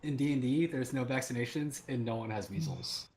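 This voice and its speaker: A man's voice: mid-range voice, fairly quick. Chatty man on a clicky, noisy mic. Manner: chatty, laughing, lots of "like". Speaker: player. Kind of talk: casual chat during a game break.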